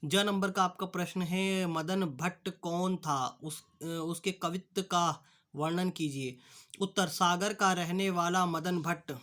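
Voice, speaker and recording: A young adult man teaching a class, working through textbook answers in a halting way, often restarting words and repeating a filler phrase. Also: sits high, steady tone, fairly bright tone. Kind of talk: classroom lesson explaining answers.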